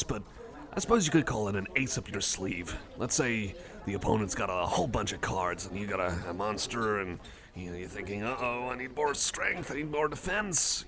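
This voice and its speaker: A man with a gravelly, mid-range voice rambles to the listener in an ASMR roleplay, sounding hesitant and geekily enthusiastic. Cafe crowd ambience fills the background.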